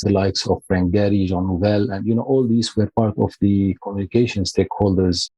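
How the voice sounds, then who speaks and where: Low, warm-toned man from Lebanon. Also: slightly rough, dry recording, low-quality recording. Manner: measured, storytelling, occasional restarts. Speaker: guest, consulting firm founder. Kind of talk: podcast interview.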